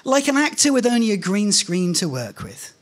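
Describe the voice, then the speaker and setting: In a high, sing-song voice at normal speed, a middle-aged man reads a first-person short story from a script. He is on an indoor stage at a live reading event, with a stand microphone close in front of him.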